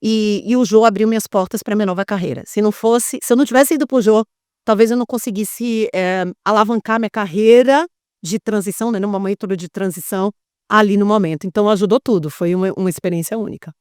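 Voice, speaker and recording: Middle-aged brazilian lady telling a story fast, plays all the voices, dry room. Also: medium pitch, clear, resonant tone, dry recording. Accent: Brazilian Portuguese. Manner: lively, acts out quoted voices. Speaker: guest. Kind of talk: animated storytelling interview.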